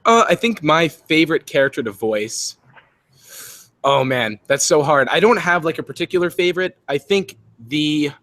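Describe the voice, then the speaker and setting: A man talks through a livestream in a loose, rambling way, poking fun at himself. His pitch moves up and down a lot, and his voice sits slightly above average. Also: expressive, moderate pace, a bit bright. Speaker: co-host, voice actor. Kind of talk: casual livestream chat.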